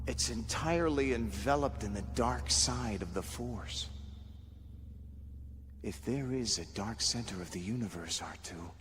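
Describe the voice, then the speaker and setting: Luke Skywalker, slow-spoken brooding Jedi. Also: male voice, lowish voice, slight background noise. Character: earnest, brooding Jedi knight hero, resolute. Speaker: actor in an audio drama. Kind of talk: dramatic radio-play acting. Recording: loud music bed behind the voice.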